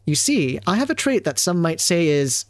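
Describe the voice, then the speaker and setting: A man's voice: fairly high pitch, sing-song, normal speed, dry recording, clean studio sound. A man reading a formal female league champion's lines aloud, with only a faint hint of a put-on Spanish accent. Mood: formal, gracious. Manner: reads the text aloud in a formal tone, hinting at a weak Spanish accent.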